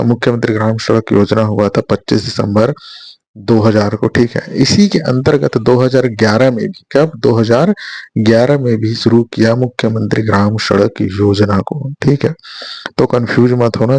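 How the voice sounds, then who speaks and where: A man's voice: medium pitch, fairly even intonation, normal speed, gravelly, darkish tone. A man teaching an exam prep lesson, quizzing listeners with repeated questions and checking in often. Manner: repetitive quizzing, rhetorical questions, frequent "thik hai".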